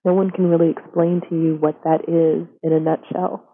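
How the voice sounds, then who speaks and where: A young adult woman with an electronically disguised, lowered voice, candidly and conversationally answering interview questions over the telephone. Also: little pitch movement, normal speed, slightly rough. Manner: candid, conversational, frequent "you know". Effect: voice disguised electronically, pitched down. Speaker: interview guest, science career columnist. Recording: band-limited telephone line.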